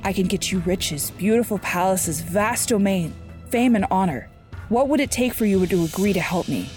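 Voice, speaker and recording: A woman voicing a proud but gravely ill male lord, reading his lines with a weak, strained delivery. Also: medium pitch, lively intonation, moderate pace, darkish tone, faint music behind, close to an everyday voice.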